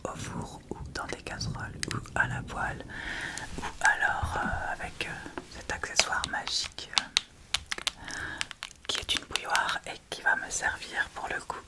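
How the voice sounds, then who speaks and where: This woman makes ASMR videos and guides viewers through her makeup in a gentle, unvoiced whisper. Her delivery is casual, slow, and a bit hesitant.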